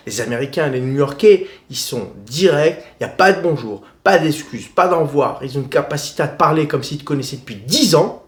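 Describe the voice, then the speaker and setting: A male travel vlogger handing out tips in a slangy, blunt, joking way. His voice sits a bit high. The recording has a roomy echo. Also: animated, fairly quick, hardly any pauses. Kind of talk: casual advice vlog.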